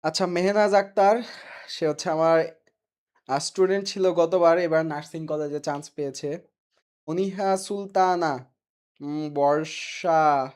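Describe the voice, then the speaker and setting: A man's voice: a little high, steady tone, measured pace, pauses often, a little mellow, smooth. A man with a Bangladeshi Bengali accent teaching a live online class, repeating each question and its answer and reading students' names from the comments.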